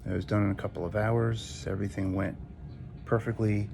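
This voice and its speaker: A man speaks in a deep voice with a heavy, gravelly fry. He records a casual patient's video diary in a plain, matter-of-fact way, pausing to hunt for words. Clear room noise runs behind him. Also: flat delivery, a little mellow. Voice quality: low, gravelly voice. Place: hospital room, indoors. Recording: noisy room ambience behind voice.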